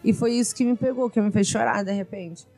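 A woman's voice: fairly high pitch, fairly quick, dark tone, faint music behind. A woman with a Brazilian Portuguese accent co-hosting a podcast, chatting casually and trailing off into slangy asides. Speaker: podcast co-host. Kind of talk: casual chat.

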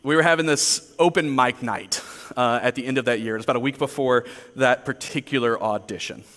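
A man's voice: mid-range voice, brisk, a bit bright, big-room sound. A man preaching a sermon, telling personal stories in a conversational, earnest, self-deprecating way. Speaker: pastor.

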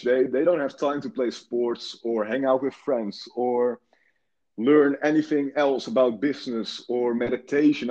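A man's voice: medium pitch, mellow, dull audio. A fifteen-year-old boy from the Netherlands, guest in a casual chat, talking earnestly and repeating words as he starts. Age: teens.

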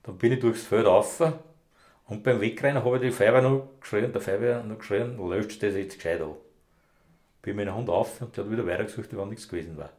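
A man's voice: lowish voice, fast talker, darkish tone. A man, a former rescue dog handler, telling long rambling anecdotes in broad dialect in a casual interview.

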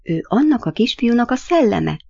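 A woman voicing a calm, earnest young boy in a storybook reading, reassuring a friend. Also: fairly high pitch, vocal fry, dry recording, muffled recording, pitched above the performer's own voice, heavily acted. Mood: serious.

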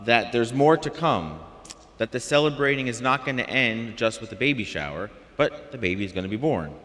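A man giving a gentle, measured sermon in a church. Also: medium pitch. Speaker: homilist. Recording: long church reverb.

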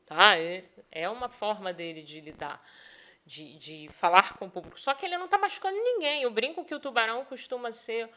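A woman speaking as a sales expert in a casual podcast chat, animated and playing out quoted people as she talks. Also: fairly high pitch, fairly quick. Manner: animated, acts out quoted speech in other voices. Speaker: neurosales specialist, podcast guest.

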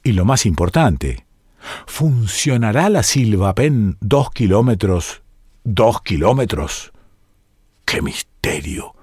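A man with an Argentine accent narrating a story on the radio, slow and theatrical, with wide swings in pitch. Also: big pitch swings, dark tone, breathy edge, no echo, clean studio sound. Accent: Argentine Spanish.

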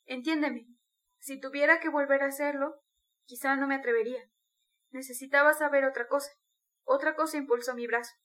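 A woman's voice: high voice, steady tone, a little fast, sharp tone. A woman reading the part of a brooding, tormented young male student in an intense, bitter confession.

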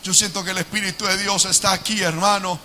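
A man leading a fervent prayer sermon as pastor, moving between hushed prayer and shouted pleading cries. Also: high-pitched, flat delivery, fairly quick, a little hiss or hum. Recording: long hall reverb with music behind.

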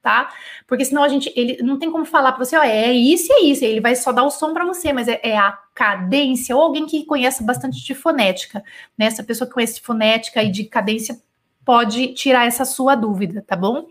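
A woman's voice: a little high, a little fast, fairly bright tone. A Brazilian woman teaching French in a chatty live online lesson, answering comments and repeating sounds to show their rhythm. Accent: Brazilian Portuguese.

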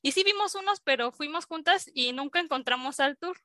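A woman's voice: sits high, expressive, brisk, pushed and bright, dry recording. A young woman with a Mexican accent, a scientist telling a story as an interview guest in a chatty way, full of fillers, acting out the dialogue she quotes. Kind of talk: casual storytelling.

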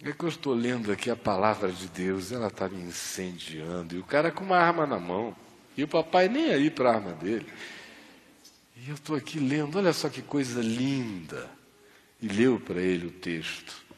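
A man preaching a sermon as a story, animated and acting out the people he quotes. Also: lowish voice, normal speed. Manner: animated, acts out quoted speakers. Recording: long hall reverb.

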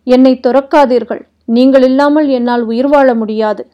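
A woman's voice: high voice, fairly even intonation, normal speed, close to an everyday voice. A woman voicing a proud young princess in a storybook epic, speaking with passionate, tearful intensity. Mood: tearful pleading. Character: proud young princess, pleading then furious. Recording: dull lo-fi recording.

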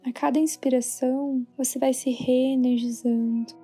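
A Brazilian woman guiding a sleep meditation in a soothing, hushed, spa-like manner. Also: sits high, flat delivery, normal speed, slightly rough. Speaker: meditation guide. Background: soft background music.

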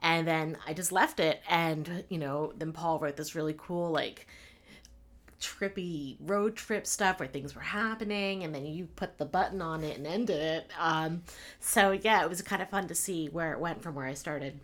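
A woman's voice: low-pitched, normal speed, fairly bright tone. A woman co-hosting a fiction podcast, chatting casually and laughing often. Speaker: podcast co-host and writer.

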